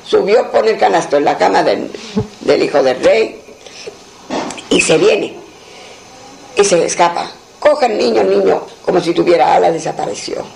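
Gravelly high-voiced man telling a folk tale. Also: expressive, normal speed, pauses often, crowd noise, poor audio. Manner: plain storyteller voicing the characters, repeating phrases.

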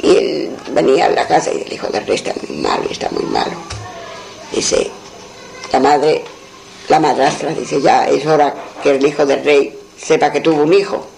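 A man's voice: a little high, big pitch swings, normal speed, gravelly, a little mellow, a little hiss or hum, rough recording. A man telling a folk tale aloud in a plain, repetitive storytelling manner, voicing the characters' lines himself.

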